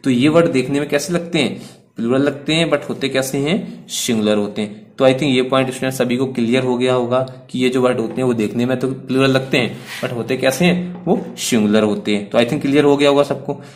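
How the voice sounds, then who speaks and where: A man's voice: mid-range voice, brisk. A man teaches grammar in Hindi, with English words spoken in an Indian accent. He keeps posing a question and then answering it himself, patiently repeating points for students. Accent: Indian English words in Hindi speech. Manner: repetitive, asks and answers own questions.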